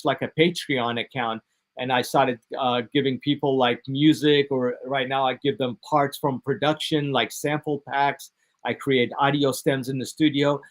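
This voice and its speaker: Speaking at a medium pitch, a guest DJ and producer from the United States talks loosely in an interview. His speech wanders in a relaxed way and is peppered with fillers and false starts.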